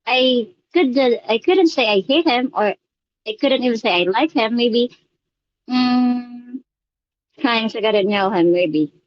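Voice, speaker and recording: Filipina woman giving thoughtful, halting interview answers, muffled dry recording. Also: a little high, dry recording. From Philippines. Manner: hesitant, thinking aloud with fillers.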